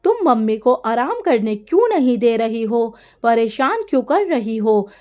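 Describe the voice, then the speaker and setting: A woman's voice: a little high, very animated, measured pace, dull audio. Woman voicing a puzzled grown son. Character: adult son and husband, puzzled, mildly reproachful.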